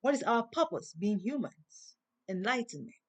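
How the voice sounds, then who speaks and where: A woman hosting a spoken monologue in slow, preaching tones, with a non-native English accent. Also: on the high side, big pitch swings. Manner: slow, preaching, emphatic rises. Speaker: host. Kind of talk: inspirational monologue.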